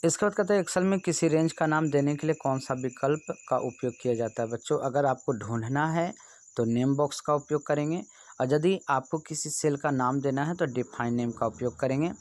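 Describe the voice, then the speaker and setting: Brisk and a little mellow, with no echo, a medium-pitched Indian man speaking with a Bihari accent gives an explanatory exam-prep computer lesson. He instructs carefully and asks again and again whether students are following.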